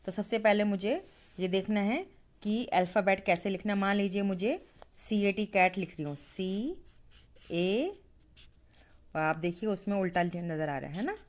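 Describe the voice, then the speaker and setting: A woman's voice: mid-range voice, lively intonation, measured pace. A woman teacher giving a patient, step-by-step science lesson to schoolchildren, spelling letters aloud as she demonstrates. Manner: patient, addresses pupils as "beta".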